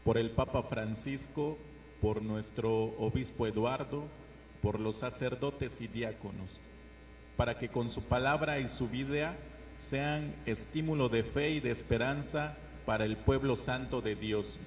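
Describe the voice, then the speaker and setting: A man reads liturgical petitions in a formal manner, his middle-pitched voice ringing with church echo. A clear hum sits behind him on the recording. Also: a little slow. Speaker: lector reading the prayers of the faithful. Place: large indoor church with echo.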